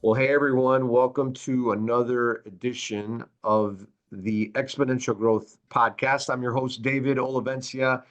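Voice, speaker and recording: A man's voice: medium pitch, little pitch movement, moderate pace, hardly any pauses, highs cut off. A man hosting a podcast, enthusiastic and casual, with many fillers and repeated words. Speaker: podcast host.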